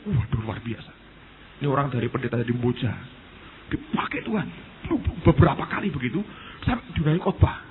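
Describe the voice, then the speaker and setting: A man, a pastor preaching a sermon and telling stories with lively asides to the congregation. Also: mid-range voice, brisk, pauses often. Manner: animated storytelling, addresses the congregation as "saudara". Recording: tinny phone-like sound with faint noise.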